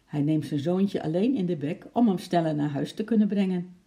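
Calm patient dad, voiced by the narrator, reassuring, gravelly, dark tone, storybook. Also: medium pitch, fairly quick, natural voice.

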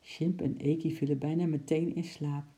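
A woman reading a children's story aloud in a calm, expressive storytelling voice. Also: low voice, normal speed.

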